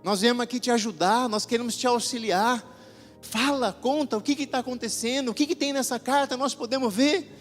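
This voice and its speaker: A woman's voice: sits high, fast talker, long reverb tail, soft background music, pitched above the performer's own voice, lightly acted. A male preacher voicing a caring female counselor who asks a crying man, in coaxing, rising questions, what is wrong.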